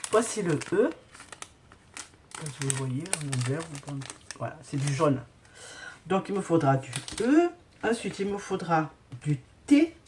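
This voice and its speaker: A woman's voice: sits low, big pitch swings, unhurried, pauses often, background noise. A woman hosting a casual craft tutorial who hesitates often with fillers while she sorts beads and talks to viewers.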